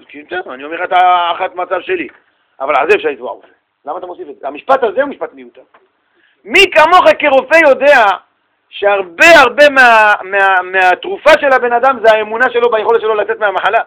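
A man giving a lively Torah lecture, telling stories, acting out dialogue and speaking straight to his listeners. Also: high-pitched, poor audio. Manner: animated storytelling, acting out dialogue, addressing listeners directly. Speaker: religious teacher.

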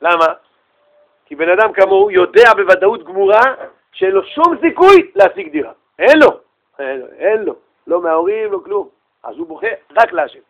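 A man tells a religious parable with lively, slang-filled energy and slips into each character's voice. His voice is notably high for a man. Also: vocal fry, highs cut off. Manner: animated, slangy, acts out characters. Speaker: religious storyteller. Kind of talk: lively religious storytelling talk.

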